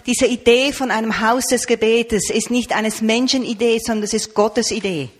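An interpreter rendering a sermon into German line by line, in an even, matter-of-fact way. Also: mid-range voice, normal speed.

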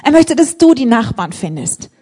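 A woman preaching a sermon in a church service, telling testimonies in an animated, emphatic way and rising to loud appeals. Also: a little high, moderate pace, slightly rough.

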